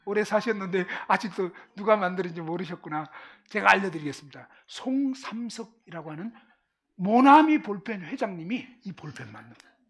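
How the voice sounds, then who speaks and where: A middle-aged Korean woman from the countryside leads a lively Bible lesson for a live class, her mid-range voice brisk and husky. She constantly asks questions and checks that everyone is keeping up.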